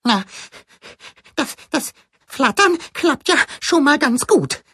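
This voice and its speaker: A woman's voice: high-pitched, animated, a bit bright, no room sound, clean studio sound, full character voice. A woman voicing an eager young male cuckoo who is learning to fly, chirpy and keen to cheer his friend up. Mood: cheerful, lively. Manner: chirpy, quick to cheer others up. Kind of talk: audiobook character voice.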